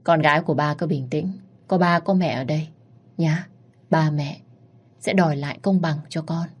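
A woman voicing a gentle, soothing father in a storybook reading. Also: sits low, normal speed, breathy edge.

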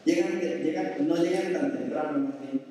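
Spanish lady pastor preaching, warm mellow tone, sounds far off in a big echoey church. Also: deep voice, unhurried. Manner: storytelling, acts out pleading prayers. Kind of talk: sermon.

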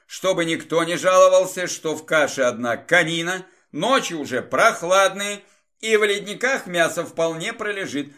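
A man's voice: high voice, bright, forceful tone, full character voice. A man reading the lines of a tired woman housekeeper in an audiobook, matter-of-fact as she reports.

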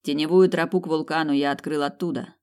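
Brief: narrator doing steady, calm male duke, understated. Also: mid-range voice, quick pace, clear, resonant tone, lightly acted. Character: calm male duke of darkness, the heroine's partner.

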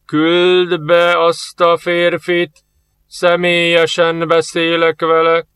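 A man voicing a commanding, impatient male god who speaks slowly with a nervous accent. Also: on the high side, monotone, fairly bright tone, clear, resonant tone, no echo, voice pushed up, close to an everyday voice.

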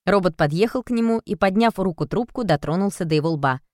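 A woman narrating a children's storybook in an even, clear reading voice. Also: lowish voice, fast, no echo, studio quality.

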